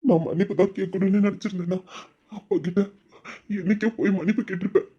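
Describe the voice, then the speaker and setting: A man's voice: high voice, fairly even intonation, quick pace, warm tone, husky, highs cut off. A man voicing a remorseful young man in a Tamil audio drama, confessing with tears. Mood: quiet resolve. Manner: emotional, confessional, tearful.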